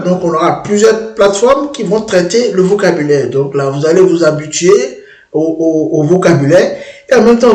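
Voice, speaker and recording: A man leads a screen-demo tutorial for a language-learning app, his voice pitched high and his delivery slow. He talks haltingly, often restarting and repeating words. The recording carries a noticeable room echo. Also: a little mellow.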